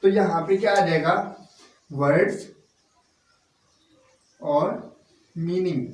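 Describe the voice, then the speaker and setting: A man's voice: high voice, slow pace. A man gives a language lesson at a board, spelling words out letter by letter and slipping English terms into his patient explanations. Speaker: language teacher. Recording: echoey room, mic at a distance.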